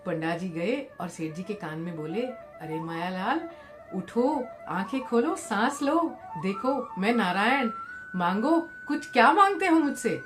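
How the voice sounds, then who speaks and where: A woman's voice: on the high side, very animated, measured pace, music in the background. Indian woman telling a devotional story. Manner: switches between narration and quoted character voices. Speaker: spiritual storyteller. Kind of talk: narrated moral story with acted dialogue.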